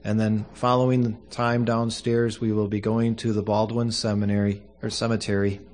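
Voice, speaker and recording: A man speaking as a pastor at a funeral service, giving a solemn, earnest prayer in measured short phrases. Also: lowish voice, level tone, darkish tone.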